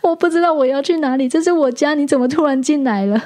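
Panicky little spider with a stammer, pitched up high, bewildered, voiced by a woman in an audio story. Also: quick pace, a little mellow, lightly acted. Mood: panicked.

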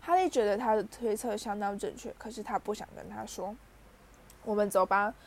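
A woman reading a storybook aloud as narrator, lively and voicing the characters. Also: medium pitch, brisk. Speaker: audiobook reader.

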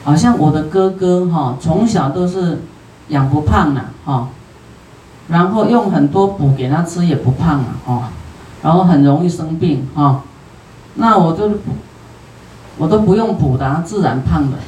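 A Buddhist teacher with a Taiwanese Mandarin accent gives a sutra lecture in a homely, chatty manner, dotting sentences with drawn-out particles. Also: medium pitch, mellow, a little hiss or hum. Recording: roomy hall, distant from the mic.

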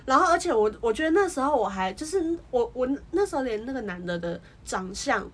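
A woman co-hosts a podcast in a casual chat, telling stories animatedly and laughing often. Her voice sits high and sounds sing-song and brisk.

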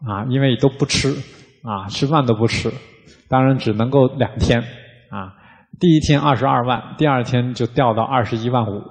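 A man teaching as a Buddhist monk, speaking in an easygoing, conversational way at a mid pitch. He keeps opening phrases with a drawn-out "ah" and slips into fast, rhythmic chanting. His voice trails off in a long hall reverb. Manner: demonstrates rapid rhythmic chanting. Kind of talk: casual dharma talk.

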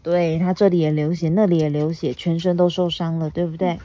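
A woman reading a picture book aloud as podcast host, gently asking a child questions along the way. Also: fairly low pitch, level tone, a little fast.

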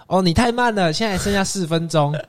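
A man voicing a cheerful, bossy eight-year-old girl in a high, slow, childlike sing-song. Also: lightly acted.

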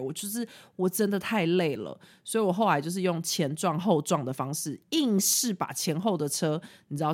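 A young woman telling stories in a casual podcast monologue, frank and self-mocking, swearing freely. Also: fairly low pitch. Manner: animated, frank, swears freely, laughs at herself. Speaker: podcast host.

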